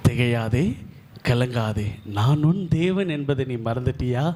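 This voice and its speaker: A man voicing Jesus in a church puppet show, speaking slowly and gravely like a preacher. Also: medium pitch, expressive, darkish tone, voice pushed down, lightly acted. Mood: solemn. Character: Jesus, calm solemn male voice from offstage.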